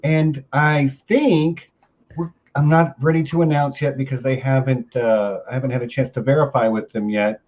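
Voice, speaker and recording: An easygoing male host leads a casual podcast chat with a guest. His voice sits at a middle pitch and sounds upbeat and friendly. His mic comes through slightly dull and lo-fi. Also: a little mellow.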